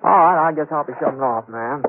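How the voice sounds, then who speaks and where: In a 1950s radio western, a man plays a modest, courteous drifting gunslinger, speaking hesitantly and haltingly with a folksy drawl in his phrasing. His natural voice leans high, and his mood is hesitant and polite. The old recording sounds dull.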